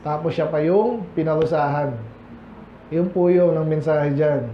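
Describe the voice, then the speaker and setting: A man's voice: fairly high pitch, measured pace, slight background noise. A man from the Philippines preaching a Sunday afternoon sermon in a conversational way, quizzing his congregation as he goes. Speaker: pastor. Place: church hall. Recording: echoey, slightly dull church audio.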